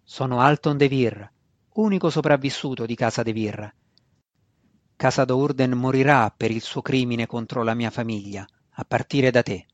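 A bitter, vengeful dark elf wizard, as a man reads him in a storybook, raising his voice in a snarl. The sound is dry and a bit dull. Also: medium pitch, normal speed, dry recording, lightly acted. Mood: furious.

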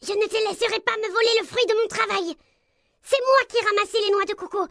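A cheated, hard-working male mosquito, voiced by a woman cries out in a piercing, very high voice. He sounds indignant and keeps shouting his complaints. The storybook reading is dry and up close. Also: normal speed, dry recording. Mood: furious.

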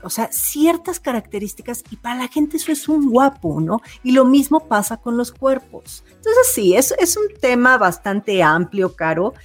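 A woman hosting an interview, chatty and lively, building up long questions for her guest. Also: a little high, normal speed, hardly any pauses, faint music behind. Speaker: interview host. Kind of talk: casual interview talk.

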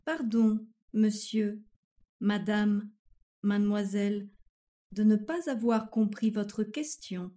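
An actress plays a fussy, overly courteous woman who can never follow what is asked. She speaks very slowly and deliberately in a mellow, darker tone, in a surreal comic sketch. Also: mid-range voice, steady tone, close to an everyday voice. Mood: overly polite. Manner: formal, deliberate, fussy politeness. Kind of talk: surreal comic dialogue acting.

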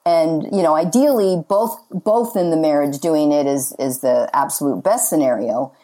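A woman's voice: low voice, normal speed, warm tone. A woman in her fifties, a guest talking earnestly and chattily about faith and marriage, with many casual fillers. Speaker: podcast guest.

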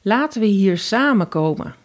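A woman's voice: mid-range voice, animated, normal speed, lightly acted. Woman voicing a proud young hunter calling out. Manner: calls out loudly. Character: proud young male hunter fleeing love.

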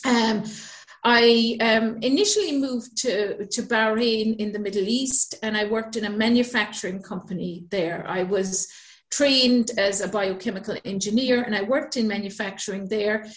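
A woman from Ireland with an Irish accent, a business mentor telling her story as a podcast guest in a chatty, lively way. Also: mid-range voice, moderate pace, reverberant. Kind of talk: podcast interview.

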